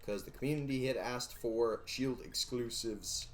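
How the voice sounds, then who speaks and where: A man's voice: medium pitch, unhurried. A young man streaming a game, chatting casually, rambling and joking as he counts eggs and sings to himself. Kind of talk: casual live-stream chatter while gaming.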